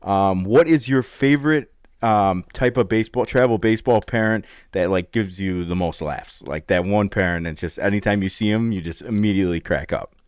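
A man's voice: lowish voice, normal speed, smooth, no room sound, studio quality. A man hosting a podcast in a casual interview, easygoing and affirming, reading sponsor plugs. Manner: easygoing, affirming, lots of "yeah". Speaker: podcast host.

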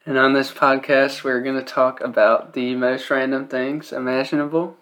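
A young man with a mid-pitched voice co-hosts a casual podcast. He talks in a playful, jokey way into a microphone in an attic. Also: little pitch movement, normal speed, a bit bright, rough recording. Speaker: podcast co-host.

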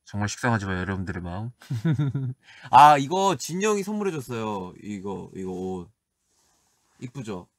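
Brief: a laid-back man hosting a birthday live stream, quiet and soft-spoken, answering comments between easy laughs. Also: fairly low pitch, big pitch swings, moderate pace, dry recording.

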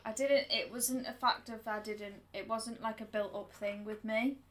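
A woman's voice: a little high, steady tone, normal speed, fairly bright tone. A woman co-hosting a casual podcast, a supportive listener who talks with lots of fillers, in an amateur home recording. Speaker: podcast co-host. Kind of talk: casual chat about anxiety.

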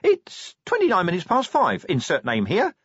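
Tiny jittery imp, squeaky-high voice, nervous, dry dull recording. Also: male voice, huge pitch swings, normal speed, fairly bright tone, husky, dry recording, full character voice. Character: small nervous male imp in a gadget. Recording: dry, slightly dull audiobook sound.

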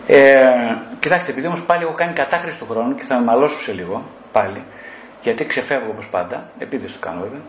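A man's voice: medium pitch, roomy sound, slight background noise, poor audio. A middle-aged man, a psychotherapist speaking to a group, blunt and mockingly scolding, firing rhetorical questions straight at his listeners. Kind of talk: talk to a group.

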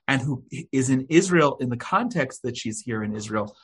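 A man with a slightly husky voice hosts a conversational interview. He talks at an even middle pitch, pausing often with ums and restarting his phrases as he introduces his guest. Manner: warm, halting, with many ums and repeated words. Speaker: host. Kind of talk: hosted interview.

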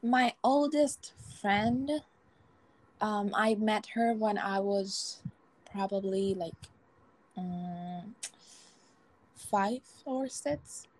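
A woman's voice: medium pitch, extremely slow, long pauses, darkish tone, dry recording. A woman co-hosting a casual podcast chat, reacting in a bubbly, effusive way. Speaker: podcast co-host.

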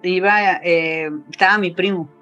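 A woman's voice: lowish voice, steady tone, a little slow, fairly bright tone, lo-fi sound, faint music behind. A woman in her fifties with a Mexican accent, a guest telling an emotional personal story in a casual interview, her voice rising when she quotes others. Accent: Mexican Spanish. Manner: emotional retelling, voice rising when quoting others, frequent fillers.

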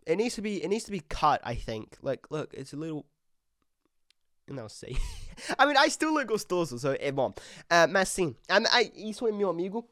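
An excitable young man hosts his own podcast, dropping in clumsy Portuguese as he goes. His pitch swings widely between words, and the recording is close and dry with no room sound. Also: no room sound. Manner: excitable, mixes broken Portuguese into English. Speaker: podcast host. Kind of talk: casual solo podcast chat. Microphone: desk mic on camera.

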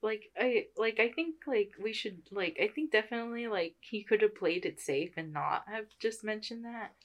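A woman's voice: medium pitch, lively intonation, normal speed. A woman co-hosting a podcast in casual chat, with speech full of "like" fillers. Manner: filler-heavy, lots of "like". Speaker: podcast co-host.

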